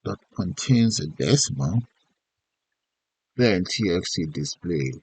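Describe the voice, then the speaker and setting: A deep-voiced man walks through a programming tutorial. He speaks slowly and thinks aloud in short fragments, with a husky edge to his voice. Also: animated, a little mellow, no room sound. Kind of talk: unscripted step-by-step screen tutorial narration.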